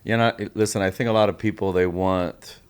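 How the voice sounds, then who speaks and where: A man's voice: low voice, steady tone, fairly quick, smooth. A man in his forties from Puerto Rico hosting an interview podcast, earnest and motivational, with Spanish phrases mixed in. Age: 40s. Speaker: podcast host.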